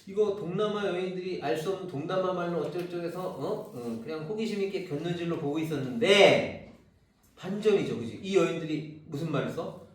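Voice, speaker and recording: A middle-aged man from Seoul lecturing a class as a cram school literature teacher, casual and teasing, often checking in with "right?". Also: on the high side. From Seoul, South Korea. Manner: casual and chatty, teasing, keeps asking "right?". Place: large classroom. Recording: echoey classroom from far off, faint noise.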